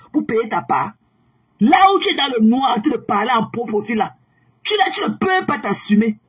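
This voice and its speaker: A woman ranting angrily on her own livestream, taunting viewers with repeated mocking questions and bursts of shouting. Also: high-pitched, husky. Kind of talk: angry livestream rant at viewers.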